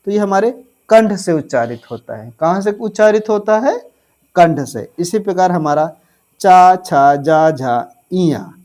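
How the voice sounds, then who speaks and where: A man teaching an online grammar lesson for exam preparation. He addresses viewers as friends and drills syllables slowly. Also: a little high, mellow.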